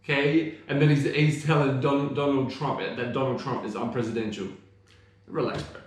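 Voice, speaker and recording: A man chats casually on a podcast, rambling from point to point and swearing freely. His voice sits at an ordinary middle pitch, with a strong echo from the room around him. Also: steady tone, normal speed. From Australia. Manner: swearing, laid-back, rambling. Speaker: podcast co-host. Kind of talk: casual chat.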